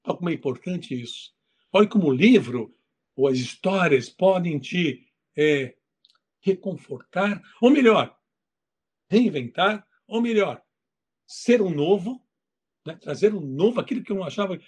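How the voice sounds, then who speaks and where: Animated husky-voiced man telling stories. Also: high-pitched, measured pace, pauses often. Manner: animated storytelling, acts out voices. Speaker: children's book author. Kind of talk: interview talk.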